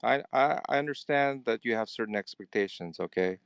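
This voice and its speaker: A man in his fifties from Los Angeles, defending himself in a live debate with measured, polite, wordy protests. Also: medium pitch, creaky, smooth, dry recording. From Los Angeles, United States. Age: 50s. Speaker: debate participant.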